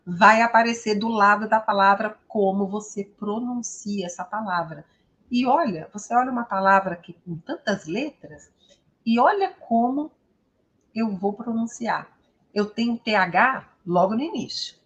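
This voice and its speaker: A Brazilian woman gives a pronunciation lesson in an unhurried, measured pace. Her pitch rises and falls with a lot of life, and she patiently says each model word several times over. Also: expressive, a bit bright. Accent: Brazilian Portuguese. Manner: patient, repeats model words slowly. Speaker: English teacher.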